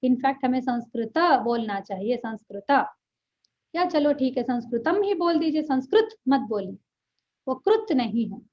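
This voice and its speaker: Earnest high-voiced woman teaching pronunciation. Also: big pitch swings, lo-fi sound. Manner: earnest, checks in often with "ठीक है", drawn-out pronunciation demonstrations. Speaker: Sanskrit teacher. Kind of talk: online language lesson.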